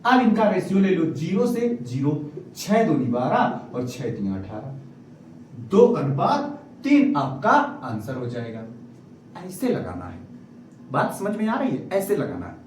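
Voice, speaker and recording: A man's voice: on the high side, very animated, a little slow. A man teaching a maths lesson to a class, coaxing students to read the questions aloud and checking their answers. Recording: echoey room from far off, faint noise.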